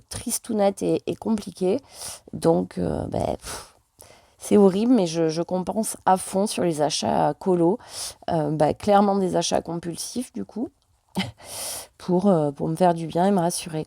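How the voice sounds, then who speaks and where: A French woman talks casually to her viewers, pausing often and filling the gaps with hesitant fillers. Her mid-pitched voice is mellow and has a gravelly edge, recorded close and dry with no room sound. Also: no room sound. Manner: chatty, hesitant with many fillers. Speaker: vlogger. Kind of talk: casual chat.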